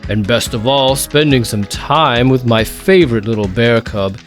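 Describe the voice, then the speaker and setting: A man voicing a kind, cheerful father bear in a picture-book reading, gentle and fatherly. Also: mid-range voice, normal speed, soft background music, lightly acted. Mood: fond.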